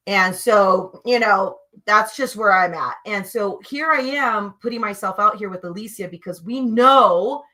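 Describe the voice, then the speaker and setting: A woman guest telling personal spiritual stories in an animated, emphatic way, swinging between hushed and loud. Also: mid-range voice, measured pace, few pauses. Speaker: guest sharing spiritual experiences. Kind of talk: conversational storytelling.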